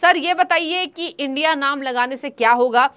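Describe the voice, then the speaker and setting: A woman anchoring a news show, briskly posing questions to a journalist guest. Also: high voice, fairly bright tone. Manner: brisk, questioning, brief acknowledgements. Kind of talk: news interview hosting.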